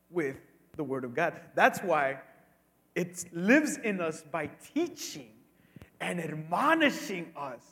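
A man preaching a sermon as a pastor, emphatic and colloquial, leaning on rhetorical questions and repeated phrases. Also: sits high. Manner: colloquial asides, acting out dialogue. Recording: long hall reverb.

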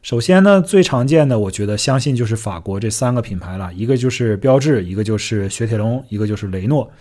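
A man hosting a casual solo podcast, chatty and self-deprecating, who drops English words into his talk and slows down to sound out foreign words carefully. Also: lowish voice, lively intonation, a little mellow. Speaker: podcast host.

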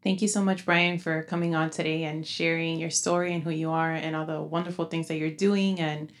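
A woman hosting a podcast in a low-pitched voice, warm in her praise of the guest and quick to laugh. She keeps the talk casual and friendly. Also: level tone. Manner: affirming, laughs easily. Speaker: podcast host.

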